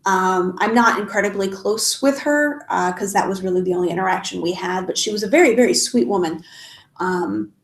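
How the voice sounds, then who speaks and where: In an echoey room, a sniffly, congested young adult YouTuber answers live chat casually, her replies full of ums and restarts. She speaks briskly at a medium pitch.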